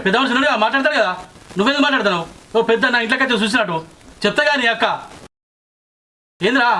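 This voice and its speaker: A man's voice: very high voice, sharp tone, exaggerated voice. A man with a Telangana accent playing an arrogant, drunken husband who taunts and boasts. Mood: defiant. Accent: Telangana Telugu. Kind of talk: short film drama acting.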